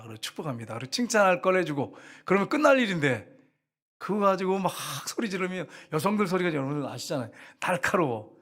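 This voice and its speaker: A middle-aged male pastor preaching a lively sermon, often calling out to the congregation and softly acting out prayers. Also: a little high.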